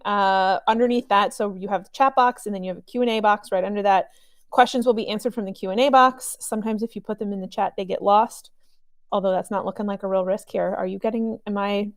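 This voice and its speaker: A woman hosting a live software training webinar, chatty and upbeat, with a cough drop in her mouth. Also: medium pitch, no room sound, studio quality. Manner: chatty, upbeat, friendly with filler ums.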